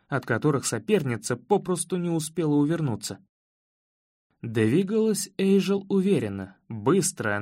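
A man reading a first-person story as an audiobook narrator, in measured, evenly paced storytelling. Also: on the high side, a little mellow, no echo, studio quality.

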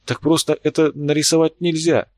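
A man's voice: on the high side, flat delivery, brisk, darkish tone, no room sound, clean studio sound, pitched above the performer's own voice, close to an everyday voice. A man voicing a shy, touchy young woman artist. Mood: astonished.

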